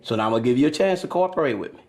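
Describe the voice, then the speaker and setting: A man's voice: medium pitch, expressive, racing, darkish tone. A middle-aged American man in unscripted reality TV talk, speaking firmly and insistently as a host parent. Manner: firm, insistent.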